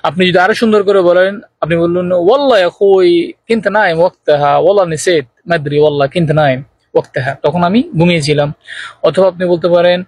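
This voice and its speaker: A man with a high, husky voice gives a spoken language lesson. He goes slowly and carefully, repeating each example phrase. The sound is dry and close. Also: dry recording. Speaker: Arabic teacher.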